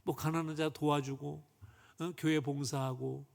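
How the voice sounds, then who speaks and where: A man voicing God as a stern male figure who gruffly reproaches a businessman with questions, heard in a reverberant church hall. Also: on the high side, flat delivery, normal speed, a little mellow, voice pushed down. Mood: scolding.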